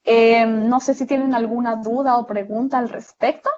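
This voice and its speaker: Salvadoran woman tutor on a video call, highish voice, bit muffled, keeps asking verdad. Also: steady tone, moderate pace, darkish tone, slight background noise. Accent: Salvadoran Spanish. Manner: patient, checks in with "¿verdad?" after each point. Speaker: online tutor. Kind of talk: online class lecture.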